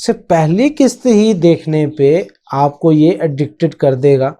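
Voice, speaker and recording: A man's voice: fairly high pitch, lively intonation, warm tone. A man hosting his own channel, talking through a topic in casual spoken commentary, rambling with frequent hesitations and English phrases mixed in. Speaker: channel host.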